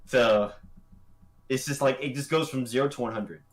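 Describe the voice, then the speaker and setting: A man's voice: mid-range voice, normal speed. A young man co-hosting a casual livestream, judging animation entries in a laid-back way, laughing often and restarting his sentences.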